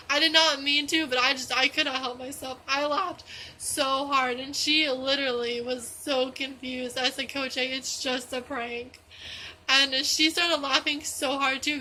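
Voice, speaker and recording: A teenage girl chats to her camera in a loose, rambling vlog, correcting herself as she goes. Her voice sits high and sounds very bright and sharp. A faint hiss runs underneath. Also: poor audio. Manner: rambling, self-correcting, giggly. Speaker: vlogger. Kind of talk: casual storytelling vlog.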